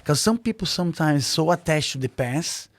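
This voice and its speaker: In a casual podcast interview, a Brazilian guest with a native Brazilian Portuguese accent speaks earnestly, full of fillers and restarts. His voice is on the high side and animated, at normal speed, with no echo.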